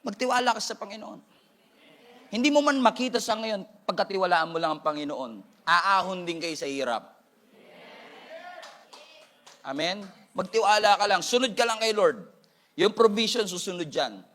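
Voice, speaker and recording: Filipino male pastor, high bright voice, animated sermon delivery, teasing asides to the congregation. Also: moderate pace, pauses often. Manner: switches between Tagalog and English, jokes with congregation.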